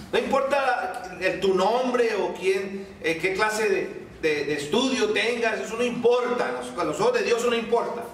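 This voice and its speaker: A man's voice: sits high, fairly bright tone, a little hiss or hum. A man preaching a sermon to a congregation. He acts out the lines he quotes and keeps quizzing his listeners. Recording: echoey hall, voice far from mic.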